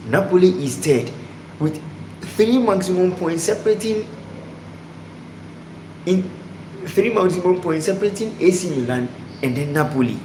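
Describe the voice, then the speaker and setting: Man hosting a sports live stream from Ghana. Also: on the high side. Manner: greets viewers by name and asks questions. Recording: echoey room with loud background noise.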